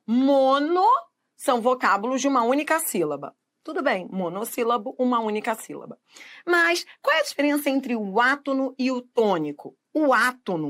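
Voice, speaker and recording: A woman teaching grammar in a video lesson, speaking straight to the viewer, asking and answering her own questions, and drawing out example words slowly. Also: fairly high pitch, fairly bright tone.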